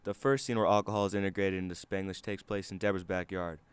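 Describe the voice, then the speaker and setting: A man's voice: low voice, little pitch movement, fast, clean tone, no room sound. A man reading a scripted video essay as a student narrator.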